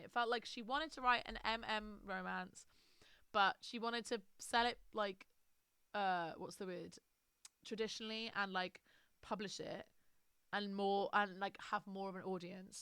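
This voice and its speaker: Casting: British woman streamer, rambling chatty book talk, smooth, dry close sound. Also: medium pitch, steady tone, normal speed, pushed and bright, no room sound. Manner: rambling, chatty, filler-heavy. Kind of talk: casual book review chat.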